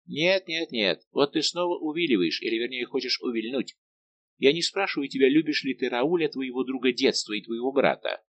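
A man reads the part of a lively young maid of honour who teases her friend and presses her with brisk, insistent questions. His voice is mid-range, the mood is pressing, and the recording sounds muffled.

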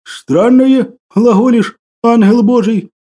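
A man's voice: extremely high pitch, slow pace, mellow, pitched above the performer's own voice, heavily acted. A man voicing an old pious hermit who speaks in fervent, old-fashioned church language, bewildered by a strange new world.

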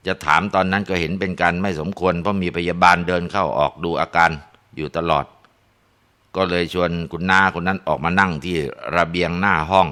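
A man narrating a ghost story in a relaxed way, with frequent tag particles and filler sounds. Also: sits low, clear, resonant tone.

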